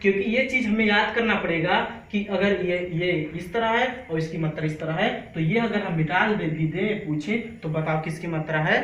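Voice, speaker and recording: A male teacher with a high-pitched, bright voice leads a class lesson. He drills each sound, repeats it, and keeps asking the class to answer back. The voice rings in an echoey room with faint noise behind it. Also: moderate pace, hardly any pauses, lo-fi sound.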